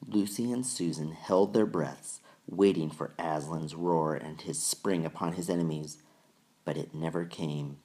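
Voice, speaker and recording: A man reading a children's novel aloud in measured, deliberate storytelling narration. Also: rumbling low, fairly even intonation, a little mellow. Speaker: audiobook reader. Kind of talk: scripted narration.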